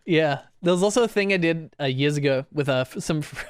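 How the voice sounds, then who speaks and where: A man's voice: fairly high pitch, brisk, clear, resonant tone, no echo, studio quality. A young man co-hosting a podcast, telling stories in a rambling way, laughing often and acting out quoted voices. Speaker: podcast co-host. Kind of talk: casual chat.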